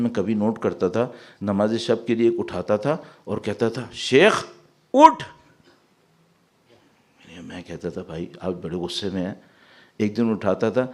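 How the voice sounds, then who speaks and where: Animated preaching male cleric. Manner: animated preaching, rising to emphatic peaks and dropping to soft low asides; mixes English words into his preaching and recites Arabic verses slowly. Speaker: Shia cleric giving a Muharram majlis. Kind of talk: sermon.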